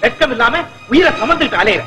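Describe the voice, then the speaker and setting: A contemptuous, lecturing older brother in an old Tamil film, his voice bright and hard as he sermonizes quickly. Faint music plays under the scene. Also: very high voice, very animated, heavily acted, rough recording. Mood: scornful. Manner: lecturing, scornful. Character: stern moralizing elder brother, harsh and contemptuous. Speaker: film actor. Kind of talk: 1970s Tamil film acting.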